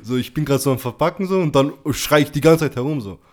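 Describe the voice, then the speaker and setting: A man's voice: fairly high pitch, quick pace. A man hosting a casual chat. He talks in loose slang, leans on "so" and "bro" in nearly every phrase, and acts out the other people's lines when he tells a story. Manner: tells stories acting out quoted dialogue. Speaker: podcast host.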